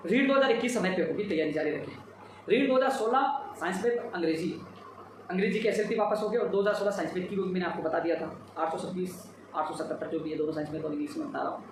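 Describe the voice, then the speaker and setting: A man's voice: sits high, fast talker, heavy reverb, recorded from a distance, noisy background. A tired man giving an emphatic, repetitive live update to followers on recruitment demands. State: tired after a long day. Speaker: job-seeker advocate giving updates.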